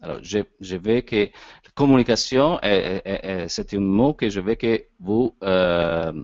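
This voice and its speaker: Italian guy, second language, talks really slow n kinda low, lots of pauses looking for words, dry dull recording. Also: darkish tone, dry recording. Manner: halting, searches for words, frequent hesitations. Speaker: actor and director giving a talk on voice. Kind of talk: informal lecture.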